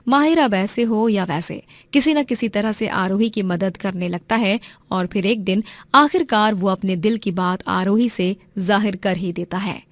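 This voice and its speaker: A woman narrating a cartoon story in an even, clear storytelling manner. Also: medium pitch, measured pace, few pauses, no room sound.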